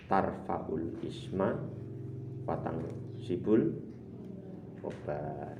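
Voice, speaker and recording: A man's voice: sits low, noisy background. A man teaching a morning kitab lesson at a boarding school, chanting Arabic and then glossing it word by word. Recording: roomy hall, distant mic, faint ambience.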